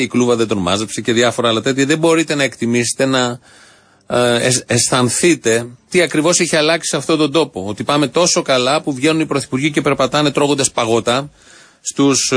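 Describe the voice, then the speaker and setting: A man's voice: medium pitch, fairly bright tone, dry recording. A man hosting a radio show, giving ironic, mock-earnest satirical commentary in speech. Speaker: radio host.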